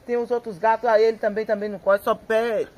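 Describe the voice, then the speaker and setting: Excited Bahian woman telling a story. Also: fairly high pitch, fast talker. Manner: breathless, repetitive storytelling with acted-out quotes. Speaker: interviewee, local resident. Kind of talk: excited eyewitness account. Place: outdoors at a home yard.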